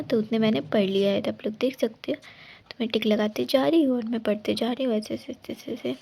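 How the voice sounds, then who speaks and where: A young woman who is preparing for exams explains her study plan in a casual study vlog, rambling and restarting often while advising her viewers directly. Her voice is on the high side and creaky, with a darkish tone.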